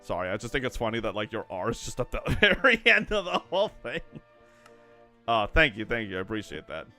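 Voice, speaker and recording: A young man chatting casually on a live stream while gaming, excitable and rambling, laughing often. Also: lowish voice, fairly quick, faint music behind.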